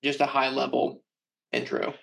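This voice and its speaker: A young man with a boyish voice hosts a podcast in a casual, conversational way. His intonation stays very even, with little rise and fall. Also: mid-range voice, moderate pace, creaky. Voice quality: boyish-sounding voice. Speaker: podcast host. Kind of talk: casual interview chat.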